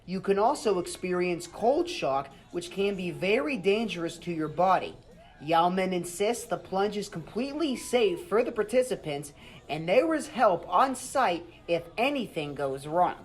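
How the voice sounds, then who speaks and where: With a high, sing-song voice and an unhurried pace, a young adult American man reports and interviews as a student sports and news reporter. His delivery is presentational and announcer-like, in broadcast style.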